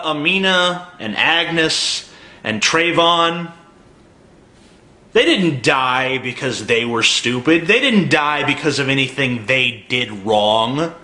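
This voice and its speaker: A man's voice: a little high, pushed and bright, echoey room. A man in his twenties delivering an angry, profane commentary rant full of sarcastic rhetorical questions. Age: 20s. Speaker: video blogger.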